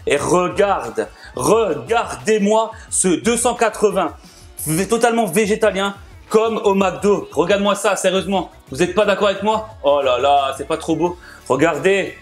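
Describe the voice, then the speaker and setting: A young man hosting a home cooking vlog, talking in an excited, slangy, exclamatory way as he builds and tastes a burger. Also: high-pitched, moderate pace, faint music behind. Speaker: cooking vlogger.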